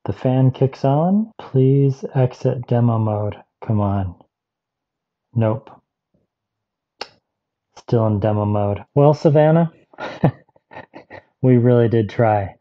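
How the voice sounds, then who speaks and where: A man's voice: mid-range voice, slow pace, pauses often, dull audio. A man chatting casually through a gadget review vlog, rambling with asides as he tries out devices.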